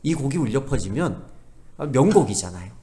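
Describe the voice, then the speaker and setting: Lively, animated Korean pastor preaching. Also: male voice, mid-range voice, a little fast. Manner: animated preaching that swings between loud emphasis and soft asides; acts out everyday family dialogue in quoted voices. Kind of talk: sermon.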